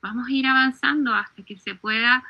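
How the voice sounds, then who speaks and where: A woman's voice: on the high side, fairly even intonation, brisk, gravelly. Woman, earnest storyteller, hesitant restarts, slightly muffled lo-fi audio. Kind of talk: devotional storytelling in conversation.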